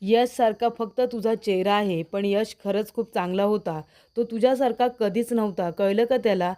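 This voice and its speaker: A woman's voice: medium pitch, moderate pace, dark tone, natural voice. A woman voicing a stern young man scolding a thief.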